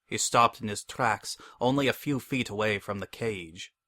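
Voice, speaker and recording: A man narrating a scripted story in a deliberate, hammy, theatrical manner, like a stage actor. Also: lowish voice, sharp tone, no echo.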